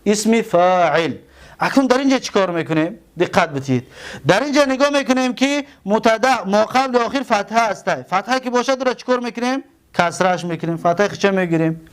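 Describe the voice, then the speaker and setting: A Tajik-accented man teaches a grammar lesson in class with a fairly high, expressive voice that's clear and resonant. He stretches out key terms and repeats them, posing questions to his students before answering them himself.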